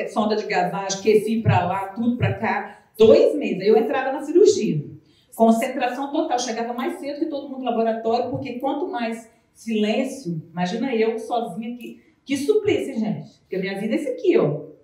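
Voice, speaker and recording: A Brazilian woman from Minas Gerais with a Mineiro accent, giving an animated, chatty motivational talk as a nutritionist, with playful asides. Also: on the high side. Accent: Mineiro Brazilian Portuguese. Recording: very echoey room, voice far from the mic.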